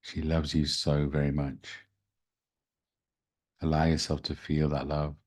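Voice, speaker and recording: Very deep-voiced man guiding a soft meditation. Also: completely flat delivery. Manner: slow, soothing, gentle delivery. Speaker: podcast host and spiritual reader.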